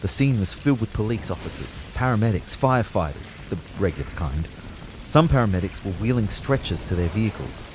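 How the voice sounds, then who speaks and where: In a first-person scripted audio drama, a male actor plays Kyle, a bewildered young ghost narrating his own afterlife and speaking dialogue. His lowish, darkish voice is brooding and measured, with big pitch swings and a somber mood, set against rain-like background noise.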